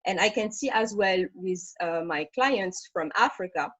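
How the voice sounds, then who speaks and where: This animated Senegalese managing director talks as a webinar panelist at a measured pace, her mid-range voice slightly bright. She speaks spontaneously, hesitating and using fillers. The video-call audio is dull and dry, with no room sound.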